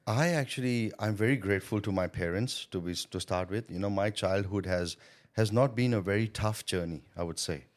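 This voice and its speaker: The interviewee, a sales coach and business owner born in Thailand and schooled in India, talks about his business and childhood at normal speed in a lowish voice. His tone is earnest and reflective, peppered with "right?" and "you know".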